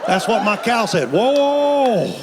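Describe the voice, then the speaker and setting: A man's voice: high voice, big pitch swings, moderate pace, over a noisy crowd, very noisy. A man, telling folksy stand-up stories with playful punchlines. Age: 50s. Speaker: stand-up comedian. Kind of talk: stand-up comedy storytelling.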